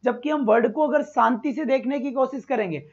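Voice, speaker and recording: A male teacher runs a live online exam-prep class, calling students "beta" and repeating sounds slowly. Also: very high voice, slightly rough. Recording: dull lo-fi stream.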